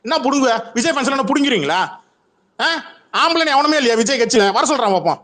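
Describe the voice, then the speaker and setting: A man's voice: very high-pitched, very animated, fast talker, a bit bright. A man hosting a heated argument in a live online audio room over a phone mic, aggressive, taunting and profane.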